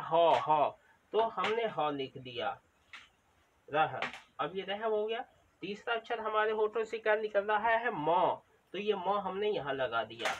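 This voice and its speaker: Patient male teacher, high voice, repeats each sound aloud; distant, muffled recording. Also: a bit bright, slight background noise. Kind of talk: patient spoken lesson.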